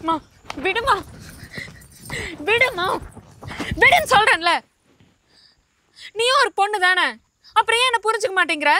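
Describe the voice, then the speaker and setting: A woman's voice: very high-pitched, expressive, racing, bright, forceful tone, distant mic, a little hiss or hum, heavily acted. An actress playing a young village woman who pleads with her mother to let her study, defiant and emotional. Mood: pleading. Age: young adult. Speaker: daughter in a village family. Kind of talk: scripted comedy sketch acting.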